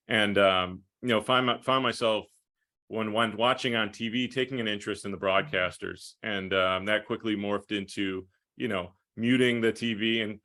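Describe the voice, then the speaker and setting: Being interviewed on a podcast, this thirtysomething broadcaster from Rochester, New York, talks casually. He has a fairly low-pitched voice with a bright, forceful tone.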